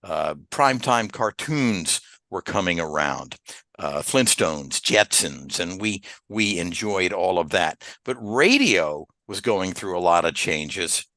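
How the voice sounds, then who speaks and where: A man in his seventies from the Philadelphia area, telling his life story as a podcast guest at an unhurried pace with many "uh" pauses. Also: sits low, sing-song, sharp tone, no echo. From Philadelphia area, USA. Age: 70s. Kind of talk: relaxed interview storytelling.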